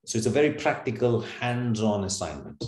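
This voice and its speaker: A man's voice: fairly low pitch, big pitch swings, moderate pace, a little mellow, echoey room. A man, a business school professor, explaining earnestly over a video call webinar. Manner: earnest, explanatory, repeats himself. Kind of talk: webinar Q&A answer.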